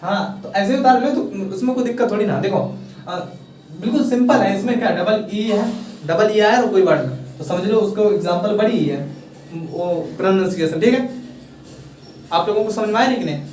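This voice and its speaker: Heard from far off in an echoey room with slight background noise, a young man's high, darkish voice moves at a moderate pace. He's an English teacher with a Hindi accent giving a casual classroom explanation of pronunciation, checking often that students follow, and he coaxes and encourages with frequent "thik hai."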